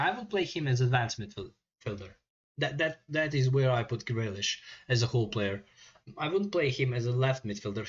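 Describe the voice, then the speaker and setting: A man reviews game players in a casual, halting way, leaning on filler sounds as he works through lists of stats. His voice sits at an ordinary middle pitch. The recording is slightly dull and lo-fi.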